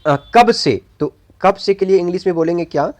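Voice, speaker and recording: A man with a Hindi accent gives an English vocabulary lesson in a slightly higher voice. He repeats each word and keeps asking and answering his own questions. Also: expressive, moderate pace, darkish tone. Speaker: English teacher.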